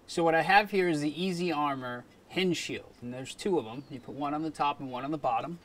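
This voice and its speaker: Male contractor, slightly high-pitched, informal step-by-step demonstrator, folksy and plain-spoken, some background noise. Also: fairly quick, a bit bright. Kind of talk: informal how-to product demonstration.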